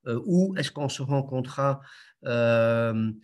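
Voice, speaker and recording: Halting man explaining. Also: medium pitch, lively intonation, a little mellow. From Belgium. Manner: halting, many fillers and restarts, explains step by step. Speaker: guest lawyer and mediator. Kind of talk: explanatory interview answers.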